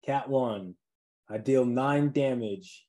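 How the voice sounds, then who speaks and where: Mellow-voiced man playing a tabletop game. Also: medium pitch, slow. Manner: hesitant, thinking aloud, casual swearing. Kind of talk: casual game chat. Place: indoors at home, on a video call.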